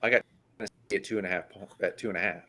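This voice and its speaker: A man co-hosting a casual sports betting chat, excitable and quick to laugh. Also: deep voice, crowd noise. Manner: excitable, laughing, lively emphasis. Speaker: podcast co-host.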